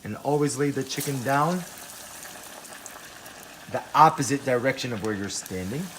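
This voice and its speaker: A man's voice: mid-range voice, moderate pace, fairly bright tone, slight background noise. A man hosting a home cooking video, upbeat and enthusiastic, talking straight to his viewers from the kitchen. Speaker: cooking show host. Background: oil frying and sizzling.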